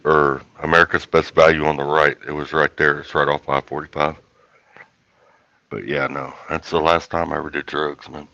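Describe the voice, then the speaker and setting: A man's voice: a bass voice, bright, forceful tone, no echo, highs cut off. A man with a South Texas accent chatting casually on a livestream in a folksy, rambling way. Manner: folksy, rambling, colloquial drawl. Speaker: YouTube host.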